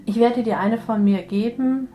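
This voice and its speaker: A woman working as a spiritual medium, gently guiding a healing session and speaking softly to a soul. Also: fairly high pitch, fairly even intonation, normal speed, soft background music, poor audio. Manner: soft, soothing, gently addressing a soul.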